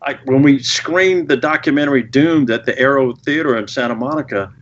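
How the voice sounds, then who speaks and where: A man guesting on a podcast, telling stories in an animated way and swearing freely. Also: mid-range voice, brisk, lo-fi sound, slight background noise. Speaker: film director guest. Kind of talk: podcast interview.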